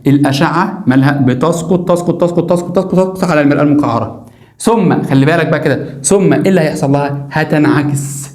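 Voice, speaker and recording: A male teacher with an Egyptian Arabic accent rattles through a science lesson at great speed. He repeats key words over and over and keeps firing questions at the viewer. His somewhat high voice rings in an echoey room. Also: quick pace, a little mellow. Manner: repetitive, emphatic, drills key words and asks the viewer questions. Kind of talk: classroom lesson explaining diagrams.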